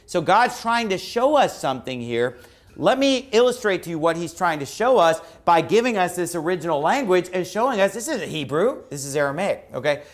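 High-voiced emphatic preaching man. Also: very animated, brisk. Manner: emphatic, argumentative, mocks opposing views in raised voice. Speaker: pastor. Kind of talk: preaching a sermon. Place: church sanctuary.

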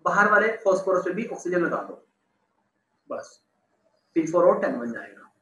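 A man's voice: high voice, very animated, normal speed, fairly bright tone. A young man teaching chemistry in an online class, talking casually, repeating terms and checking that students follow. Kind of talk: online class explaining on a board. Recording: echoey room.

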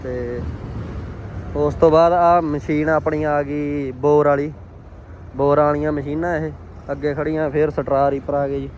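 High-voiced man vlogging outdoors. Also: level tone, a little slow, a little mellow. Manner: informal, chummy address to viewers and friends. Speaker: vlog host. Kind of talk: casual vlog commentary. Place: outdoors at a farm machinery fair. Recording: engine and vehicle noise, outdoors.

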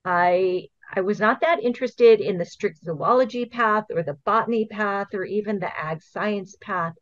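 This woman speaks at medium pitch and a moderate pace, and the recording is dry. She's middle-aged, from Hawaii, and manages an invasive species program, appearing as a guest in a casual interview over a home video call. Her explanations are earnest and step by step, with a laugh now and again, and the audio sounds dull.

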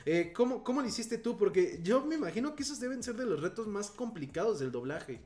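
A Mexican man with a slightly high voice hosts a casual interview podcast. He asks long, winding questions. He keeps his guest going with short, agreeable replies. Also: big pitch swings, brisk, a little mellow. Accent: Mexican Spanish. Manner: agreeable, frequent short affirmations.

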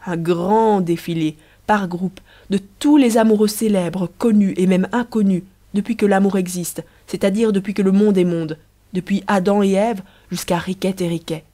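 A woman voicing a playful, scheming young empress who speaks in a lively, persuasive, teasing way. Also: medium pitch, normal speed, lightly acted.

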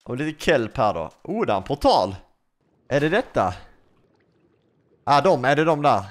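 A man giving excitable let's play commentary, asking question after question and swearing freely. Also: medium pitch. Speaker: gaming YouTuber.

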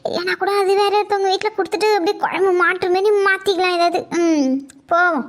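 A woman's voice: extremely high pitch, steady tone, quick pace. A woman playing a stingy, sneaky middle-aged village woman who mutters and grumbles to herself, in a comic skit. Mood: grumbling.

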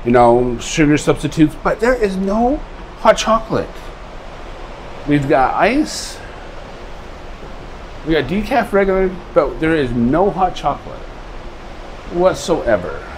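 A man's voice: on the high side, big pitch swings, slow pace, long pauses, slight background noise, low-quality recording. A man vlogging a casual walkthrough of a ship's buffet restaurant, talking in an easygoing, rambling way into a handheld camera. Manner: easygoing, rambling tour talk. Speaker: travel vlogger. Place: ship buffet restaurant, indoors.

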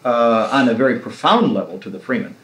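A man's voice: medium pitch, expressive, brisk, a bit bright. Man, interviewer, old 1969 tape recording, roomy echo, reflective and wordy. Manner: reflective, long winding literary remarks. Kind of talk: conversational discussion.

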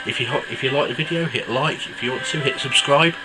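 This fast-talking app reviewer has a mid-range voice and a stuffy cold, and he meanders through a casual mobile game review packed with ums. The rough recording has loud game music behind it.

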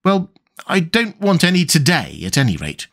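Sensible young storybook girl, courteous and puzzled, lightly raised pitch, animated, acted by a male reader. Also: normal speed, exaggerated voice. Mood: puzzled, reasoning. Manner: courteous, timid yet reasoning. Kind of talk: storybook character voice.

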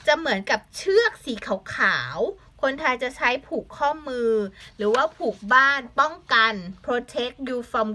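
A woman's voice: sits high, unhurried, few pauses, sharp tone. A young woman teaching a language lesson to children, patiently spelling words letter by letter, asking the class questions and adding English glosses.

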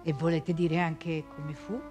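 An actress playing a weary, cold wife who answers dismissively in a stage play recording. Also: female voice, deep voice, flat delivery, measured pace, over music.

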